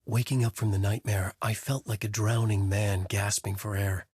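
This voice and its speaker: In a video game, a haunted male horror novelist speaks in a low, husky voice captured very dry and close. His brooding noir lines come in grave, literary fragments, tormented and desperate, delivered flatly at a moderate pace with a slightly mellow quality.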